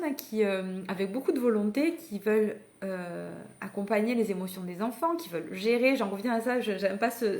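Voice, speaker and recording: A woman parenting coach giving a live masterclass, talking conversationally and encouragingly to her listeners, with frequent hesitations and restarts. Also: medium pitch. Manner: addresses the listeners directly and invites them to act. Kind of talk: live online masterclass talk.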